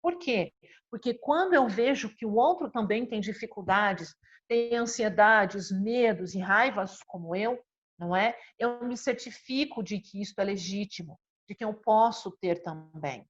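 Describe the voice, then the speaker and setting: A woman's voice: mid-range voice, a little slow, lo-fi sound. A Brazilian woman psychologist explaining earnestly in a conversational talk, often ending her phrases with tag questions. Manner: constantly adds tag questions, expressive and earnest.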